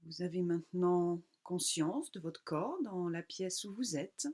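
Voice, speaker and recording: Leading a yoga nidra relaxation meditation, a woman with a fairly low-pitched voice speaks calmly. Her phrases are brief and unrushed, with pauses between them.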